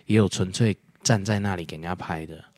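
Low-voiced man chatting casually. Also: a little fast, a little mellow, dry recording. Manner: rambling, explanatory, many fillers and restarts. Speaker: podcast co-host. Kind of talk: casual chat.

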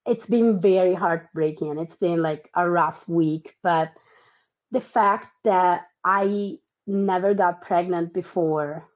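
Here a podcast guest, a woman who grew up in Italy and comes from Argentina and Italy, talks slowly in a lowish voice. Her casual interview chat is halting, peppered with ums and restarts, and the recording is dull and lo-fi.

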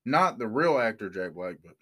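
A young man co-hosting a podcast in casual chat, joking, swearing and laughing loudly. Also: fairly low pitch, very animated, normal speed. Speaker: podcast co-host.

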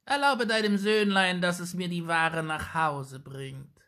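A croaking, spiteful old crone. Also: male voice, high voice, bright, forceful tone, pitched above the performer's own voice, exaggerated voice. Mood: muttering, sly. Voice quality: creaky, croaking. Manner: muttering, drawn-out, sly.

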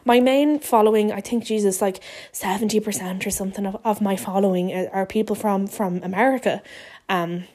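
A woman's voice: medium pitch, fairly quick, dark tone. A young Irish woman with an Irish accent, talking frankly and swearing freely in a casual podcast rant, with many stops and restarts. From Ireland. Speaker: podcast host. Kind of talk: casual ranting monologue.

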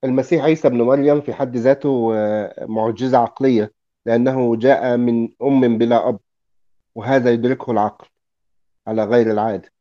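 Man, student, hesitant formal answers, mellow dark voice, muffled audio. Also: medium pitch, steady tone, a little fast, dry recording. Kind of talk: answering in class.

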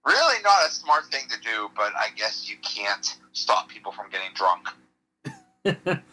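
A man's voice: lowish voice, sing-song, a little slow, sharp tone, husky, low-quality recording. A man from Pittsburgh, a guest on a podcast, telling stories in a laid-back, casual way. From Pittsburgh, USA. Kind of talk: casual chat.

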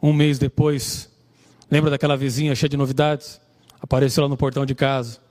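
A man's voice: mid-range voice, little pitch movement, brisk, darkish tone, in a large hall. A Brazilian man preaching a sermon, telling a story animatedly and acting out its dialogue. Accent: Brazilian Portuguese. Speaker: pastor. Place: church.

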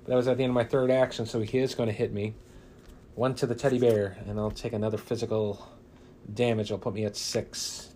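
A man's voice: on the low side, flat delivery, mellow, a little hiss or hum. A man playing a card game alone, reading card text dramatically and chatting casually about his play. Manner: casual, halting with fillers, reads flavor text dramatically. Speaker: solo card game player.

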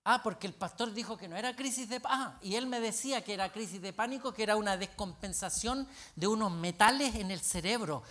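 A male pastor, telling a story in a sermon and swinging from quiet to loud. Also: high voice, brisk, hardly any pauses.

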